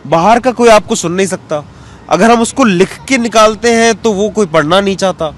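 A cartoonist from western Uttar Pradesh, India, sits on an outdoor bench in a public square giving an earnest, reflective interview answer sprinkled with English words. His voice sits high and his pace is normal. A handheld interview mic is held toward him, and outdoor street ambience with background noise can be heard.

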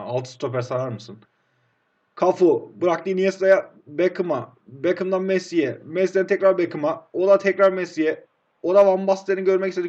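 A man in his twenties commentating his own football game play, swinging from hushed groans to excited outbursts. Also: fairly high pitch, muffled recording. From Turkey. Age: 20s. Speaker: mobile football game streamer. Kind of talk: live gameplay commentary.

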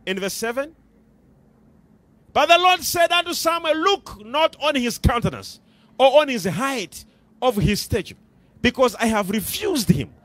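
A man's voice: very high voice, sing-song, a little slow, pauses often, fairly bright tone, no echo. A middle-aged man with a Malawian accent preaching a sermon on a church stage into a handheld mic, emphatic and repeating his phrases. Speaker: pastor.

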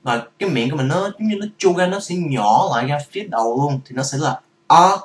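A man's voice: fairly high pitch, lively intonation, fairly quick, reverberant. A man giving a casual vlog lesson on English pronunciation, patiently explaining and repeating each sound to demonstrate it.

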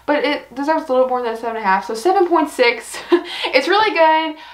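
A woman's voice: sits high, fast. Giggly young woman, chatty try-on vlog. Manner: bubbly, giggly, lots of fillers like "like" and "I don't know". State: a little out of breath. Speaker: fashion vlogger.

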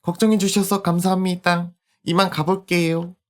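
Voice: medium pitch, flat delivery, normal speed, voice pushed up, close to an everyday voice. A streamer voicing a polite, wary little girl in a storybook-style video game.

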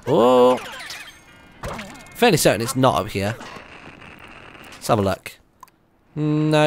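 Young british guy streaming a game, chatty, voice kinda high and jumping all over, faint game music behind. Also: creaky. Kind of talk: casual live gameplay commentary, chatting with viewers. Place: indoor room, streaming setup at home. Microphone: close microphone on a stand. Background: video game music.

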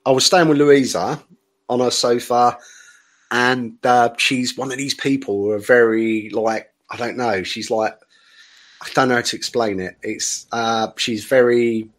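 A middle-aged man tells his story as a podcast guest. He rambles and restarts often, speaking frankly at an ordinary, middle pitch in casual conversation. His voice sits in a plain, everyday register. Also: fairly even intonation, measured pace. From south-east England. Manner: rambling, candid, full of restarts and fillers.

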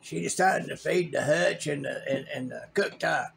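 A man's voice: fairly high pitch, normal speed, vocal fry, background noise. A man, joking in casual banter as co-host in a home kitchen. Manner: joking, teasing. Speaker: co-host, the host's partner filming.

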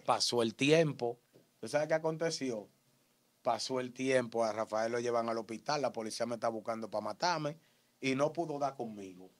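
A man with a Dominican accent giving an interview testimony in street slang, acting out shouts and gunshots as he tells it. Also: mid-range voice, normal speed, no echo. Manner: animated, acts out shouts and gunshots.

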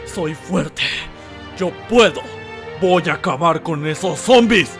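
A woman putting on a gruff, boastful macho voice for a timid character pumping himself up. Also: mid-range voice, expressive, slow pace, fairly bright tone, voice pushed down. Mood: mock macho. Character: Whis faking a deep macho tough-guy voice. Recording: game music playing behind the voice.

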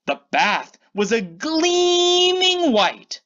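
A woman reads a children's storybook aloud theatrically, unhurried, with huge pitch swings and key words stretched for emphasis. Her tone is fairly bright. The recording is a little dull and lo-fi.

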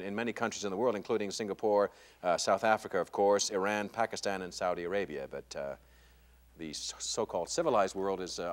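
A man hosting a studio game show, with a wry, conversational manner and joking asides. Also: lowish voice. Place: television studio. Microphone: lapel mic.

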